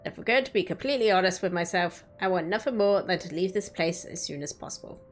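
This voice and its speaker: A woman's voice: fairly low pitch, fast talker, slight background noise. A woman streamer reading a story aloud in a dramatic narrating style. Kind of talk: dramatic story narration with casual chat asides. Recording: background music under the voice. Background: quiet music.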